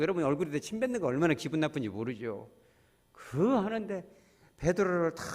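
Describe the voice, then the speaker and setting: A man preaching a sermon as pastor, animated, acting out quotes and often speaking to the congregation. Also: a little high.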